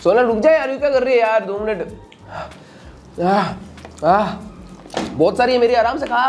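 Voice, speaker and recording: A man's voice: very high-pitched, moderate pace, darkish tone, a little hiss or hum. A young man hosting a casual food challenge vlog. He chats, keeps checking with "ठीक है?", and talks while he eats. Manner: chatty, keeps asking "ठीक है?". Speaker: vlog host.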